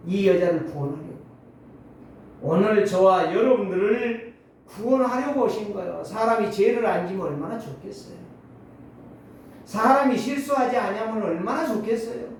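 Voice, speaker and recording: A man in his sixties preaching a Sunday sermon, swinging between loud exclamations and low asides. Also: slight background noise. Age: 60s. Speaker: pastor. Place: church sanctuary. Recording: very echoey hall, mic at a distance.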